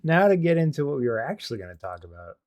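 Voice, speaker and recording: A man's voice: on the high side, sing-song, fast talker, a little mellow, dry recording. A man co-hosting a podcast in casual chat, giggly and sheepish, often trailing off mid-thought. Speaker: podcast co-host.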